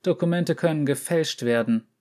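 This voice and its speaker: A man's voice: on the high side, moderate pace, darkish tone, pitched above the performer's own voice, close to an everyday voice. A man reading an audiobook story, voicing a hostile female veteran soldier who hisses threats. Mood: threatening. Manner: hissing and threatening.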